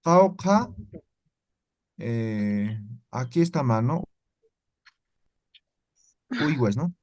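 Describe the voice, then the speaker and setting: A man's voice: mid-range voice, lively intonation, extremely slow, darkish tone. A man teaching a language class, explaining step by step and checking in with his students again and again. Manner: explains patiently, keeps checking with "¿no ve?".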